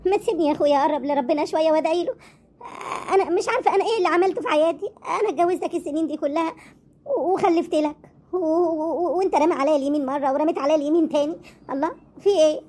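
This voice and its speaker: A woman's voice: high-pitched, racing, mellow, natural voice. A woman with an Egyptian accent playing a timid, anxious wife who pleads with her husband in a family web drama. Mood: upset. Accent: Egyptian Arabic. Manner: pleading, nervous.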